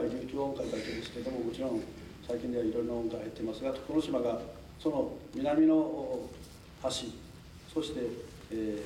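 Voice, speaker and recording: An older man from a southern island gives a talk to a local crowd in a polite, formal way, with chuckles and asides. His voice is mellow and middle-pitched. The recording is roomy, picked up from a distance, with faint room noise behind it. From Tokunoshima, Amami Islands, Japan. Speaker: lecturer. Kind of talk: public talk to a local audience. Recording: echoey hall, mic at a distance.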